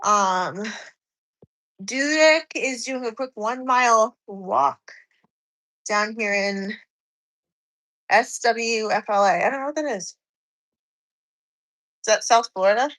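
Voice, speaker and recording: A woman's voice: fairly high pitch, takes it slowly, long pauses, fairly bright tone, low-quality recording. A woman in her forties, slightly out of breath from cardio, chatting on a live stream and reading viewers' comments aloud. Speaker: fitness streamer.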